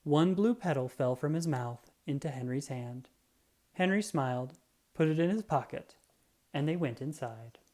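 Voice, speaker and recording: Expressive and deliberate, a narrator reads a children's story aloud in a mid-range voice.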